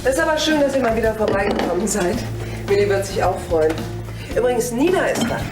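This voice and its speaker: A woman's voice: on the high side, lively intonation, fast talker, distant mic, lightly acted. A middle-aged woman playing a homely, caring mother in a TV drama, talking in an everyday way. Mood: friendly, chatty. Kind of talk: TV drama acting. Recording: echoey room, music, clinking dishes.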